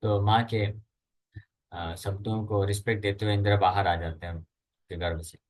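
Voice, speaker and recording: A man with an Indian accent teaching a scripture class. He chants verses slowly and explains them plainly in two languages. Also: lowish voice, steady tone.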